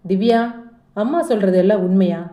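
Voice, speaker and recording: A woman's voice: medium pitch, moderate pace, mellow, lightly acted. A woman voicing a middle-aged father asking plainly about a quarrel in a told story. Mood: questioning. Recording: echoey room.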